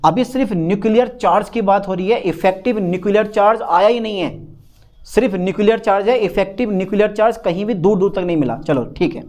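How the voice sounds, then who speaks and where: A man's voice: sits high, fast talker, darkish tone. A male chemistry teacher, lecturing a class with lots of repetition and questions to his students. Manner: repetitive, calls students beta, answers himself as student.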